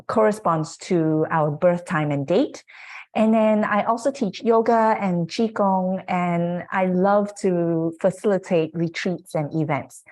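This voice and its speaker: Slow-speaking woman from Malaysia. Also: fairly low pitch, a little mellow. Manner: earnest, reflective, with frequent fillers. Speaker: guest speaker. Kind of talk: presentation talk.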